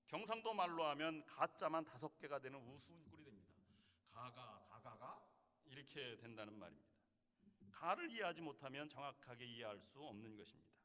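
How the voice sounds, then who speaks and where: A male pastor delivers a sermon in a forceful, bright voice pitched a little higher than most men. He preaches earnestly and leans on rhetorical questions. His words ring out with a long reverb in a church sanctuary. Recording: echoey hall with long reverb.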